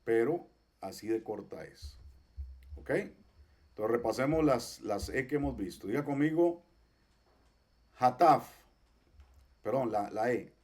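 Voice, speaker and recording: A man teaching a class, patiently explaining pronunciation and repeating each example slowly. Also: medium pitch, expressive, a little mellow. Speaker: Hebrew teacher. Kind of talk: online class.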